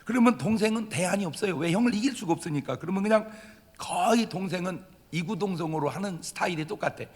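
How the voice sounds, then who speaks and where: A man's voice: high voice, lively intonation, fast talker, a little mellow. A man preaching a Sunday sermon as pastor, who acts out crying children while he speaks. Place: church sanctuary. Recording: church hall reverb.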